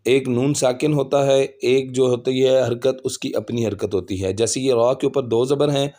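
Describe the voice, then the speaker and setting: A man teaching Quran recitation, slowly spelling out syllables letter by letter and then explaining the rules in a brisker voice. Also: medium pitch, steady tone, warm tone. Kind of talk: slow spelled-out recitation lesson.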